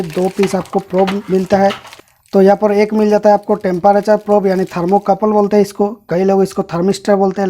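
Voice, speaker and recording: A man's voice: high voice, dark tone. A man hosting an electronics channel, casually unboxing and reviewing a device and explaining each part to viewers as he handles it.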